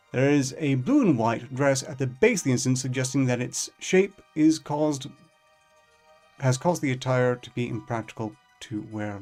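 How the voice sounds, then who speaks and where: A man reading a fictional case file aloud in a measured, clinical delivery. His pitch moves lively through each sentence, with faint music under him. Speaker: reader. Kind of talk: live reading of a fictional document.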